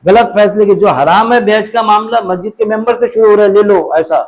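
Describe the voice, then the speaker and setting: A man's voice: high voice, fairly quick, rough recording. A middle-aged man giving an informal religious talk, full of rhetorical questions. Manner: conversational, rhetorical questions, mimics voices in anecdotes. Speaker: Islamic preacher.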